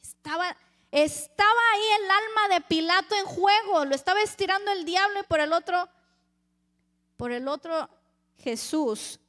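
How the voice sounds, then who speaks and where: Woman preacher, high voice, reads scripture and acts out crowd voices, sermon. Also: moderate pace, a bit bright. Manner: addresses the congregation as brothers, reads scripture aloud.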